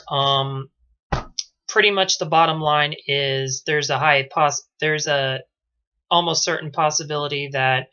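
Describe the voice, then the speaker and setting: A woman vlogging her opinionated sports commentary in an animated way, often correcting herself mid-sentence, on dull lo-fi audio. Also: deep voice. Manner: animated, with frequent self-corrections.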